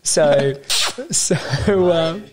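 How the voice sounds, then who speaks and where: A man's voice: a little high, extremely slow, a little mellow. A young adult Australian man, a coach and podcast guest, chatting casually and acting out quoted remarks as he tells his story. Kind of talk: casual interview chat.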